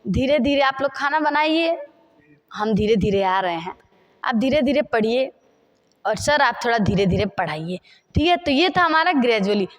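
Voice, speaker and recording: A woman teaching spoken English in Hindi, repeating each phrase slowly while she writes out the examples. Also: fairly high pitch, expressive.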